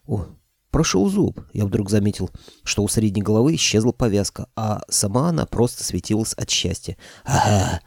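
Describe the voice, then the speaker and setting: A man's voice: lowish voice, a little fast, creaky, darkish tone, no room sound, clean studio sound. Man narrating a humorous fantasy audiobook. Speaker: audiobook reader.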